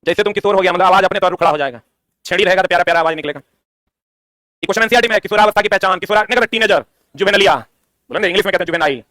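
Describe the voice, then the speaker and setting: A man's voice: sits high, very fast, fairly bright tone, no room sound. A man, teaching an exam-prep science lesson, asking questions and answering them himself. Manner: quizzing, asks and answers his own questions.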